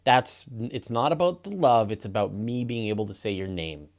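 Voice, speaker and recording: A man's voice: lowish voice, very animated, moderate pace. A Canadian man hosting a live podcast in casual, rambling chat, often laughing. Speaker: podcast host.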